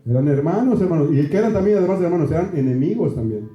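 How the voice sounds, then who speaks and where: A man's voice: a little high, lively intonation, rapid-fire. A Mexican man with a Mexican Spanish accent, a pastor delivering a conversational sermon and often turning to the congregation with asides. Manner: conversational preaching, keeps asking "¿verdad?" and "hermanos". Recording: echoey room, dull lo-fi sound.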